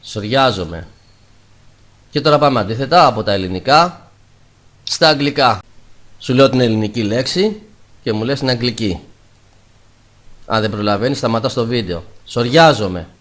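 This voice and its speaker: A man's voice: medium pitch, lively intonation. Man teaching English vocabulary. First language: Greek. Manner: says English words louder and slower, then Greek translations. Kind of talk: vocabulary lesson.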